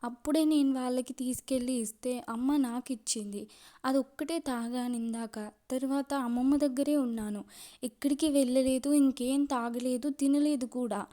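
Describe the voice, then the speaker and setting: A woman's voice: high voice, steady tone, normal speed, mellow, close to an everyday voice. A woman narrator voicing a young woman who pleads through tears, her voice trembling and breaking. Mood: tearful pleading. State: crying, voice breaking. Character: tearful young woman begging forgiveness.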